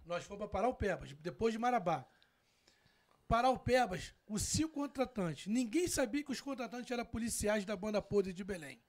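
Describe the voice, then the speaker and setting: A man's voice: high voice, normal speed. A man telling a long story in casual slang, acting out the dialogue. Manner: animated, slangy, acts out quoted dialogue. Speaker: guest storyteller.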